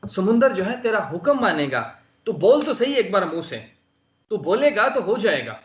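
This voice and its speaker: Emphatic high-voiced preacher on a lo-fi call. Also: male voice, big pitch swings, normal speed. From Pakistan. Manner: earnest, emphatic preaching with rising exhortations. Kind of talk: sermon over an online video call. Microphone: online call microphone. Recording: roomy, dull lo-fi online call audio.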